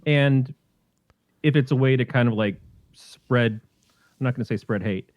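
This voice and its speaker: A man's voice: medium pitch, normal speed, darkish tone, no echo. A man co-hosting a podcast in casual chat, rambling and hesitant with many fillers and restarts, chewing on a cough drop. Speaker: podcast co-host.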